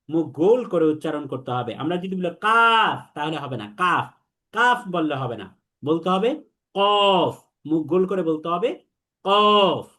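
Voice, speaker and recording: High-voiced man drilling Arabic letters. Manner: slow, repetitive drilling, has students repeat after him. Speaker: Arabic teacher. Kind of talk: online lesson on Arabic letters.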